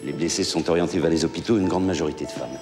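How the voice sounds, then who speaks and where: An actor playing a sober male official giving a flat, factual report. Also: low voice, rapid-fire, over music.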